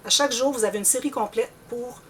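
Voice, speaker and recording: A woman with a Québécois French accent hosting a scrapbooking channel, chatting casually to viewers in a rambling way and often clearing her throat. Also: on the high side, quick pace, a bit bright, distant mic, a little hiss or hum. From Canada.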